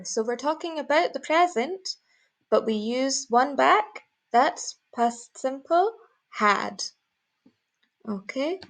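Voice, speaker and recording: A woman teaching English grammar in a slow, deliberate way. Her voice sits a little high. She checks in with "okay" again and again and says example sentences twice. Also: poor audio. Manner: says "okay" often, repeats model sentences. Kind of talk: slow, careful grammar lesson.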